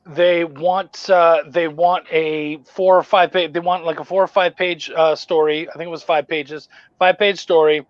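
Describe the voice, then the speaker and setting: A man's voice: a little high, moderate pace, few pauses, dry recording. Man, casual storyteller, swears a lot, rambling restarts, dry muffled podcast sound. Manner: profane, rambling, animated retelling with restarts. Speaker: podcast guest, comic book writer.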